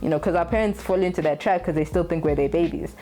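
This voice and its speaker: A woman's voice: fairly low pitch, fast talker, mellow. A young adult woman talking casually to camera in a candid, blunt way, swearing freely. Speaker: vlogger.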